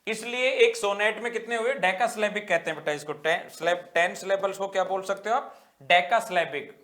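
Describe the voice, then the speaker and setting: In an online exam-prep lecture with a roomy echo, a male teacher with a high voice gives a literature lesson. He dictates English phrases slowly and repeats them, then explains and quizzes students, warmly calling them "beta".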